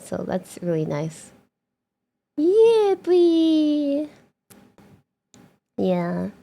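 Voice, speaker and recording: A young woman streamer chats casually with her viewers in a mid-range voice, rambling with fillers and restarts and breaking into bursts of bubbly excitement.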